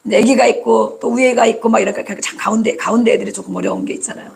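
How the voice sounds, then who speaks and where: Male preacher, gravelly and very high, chatty sermon that acts out prayers. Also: steady tone, very fast, darkish tone. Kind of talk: conversational sermon.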